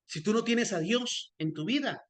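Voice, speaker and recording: A man with a high-pitched voice talks through a story of forgiveness as he preaches. His delivery is earnest and conversational, and he often stumbles and restarts mid-sentence. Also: animated, moderate pace.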